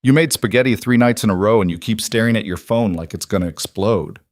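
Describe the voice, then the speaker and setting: A man's voice: fairly low pitch, fairly quick, no echo, studio quality, close to an everyday voice. A man reading the lines of a curious, caring seven-year-old boy in a story.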